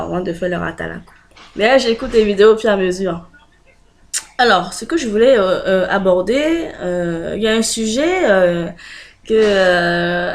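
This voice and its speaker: A woman with a French accent chatting casually to her viewers, hesitant and full of fillers, laughing often. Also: medium pitch. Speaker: video blogger. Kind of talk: casual direct-to-camera chat.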